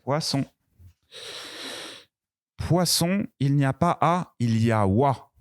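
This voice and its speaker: A man teaching a beginner French pronunciation lesson, slow and patient, repeating each word and sound clearly. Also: medium pitch, expressive, dry recording, studio quality.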